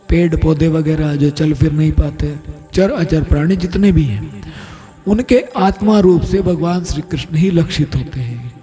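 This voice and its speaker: A man's voice: high-pitched, mellow. A male preacher giving a devotional scripture sermon, explaining by asking and answering his own questions. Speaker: spiritual preacher narrating a scripture discourse.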